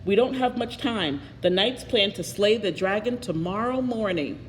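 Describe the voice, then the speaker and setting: A woman's voice: mid-range voice, moderate pace, long reverb tail, a little hiss or hum, natural voice. Woman playing an urgent, decisive noble mother.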